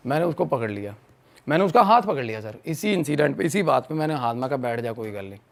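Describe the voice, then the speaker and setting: A man's voice: on the high side, fast talker, vocal fry. A young man with a Punjabi accent tells a haunted experience as a guest on a podcast. He speaks casually and with a lot of life, acting out his friends' lines as he goes. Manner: animated storyteller, acts out friends' lines, mixes English words. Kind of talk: casual storytelling in a podcast interview.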